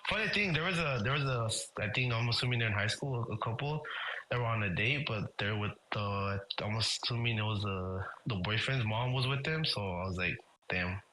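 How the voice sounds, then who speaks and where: A man with a Southern Californian accent telling a story in casual, profane podcast chat, halting and restarting often. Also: on the low side, sharp tone, a little hiss or hum, poor audio. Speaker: podcast co-host.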